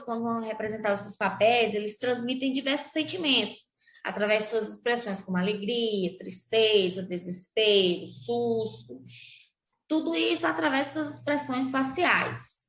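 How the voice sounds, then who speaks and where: A fairly high-voiced Brazilian woman teaching schoolchildren in a recorded lesson, with a Brazilian Portuguese accent. She stretches out example words slowly and deliberately. The recording is roomy and dull, like a lo-fi room capture. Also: fairly bright tone. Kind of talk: recorded classroom lesson for children.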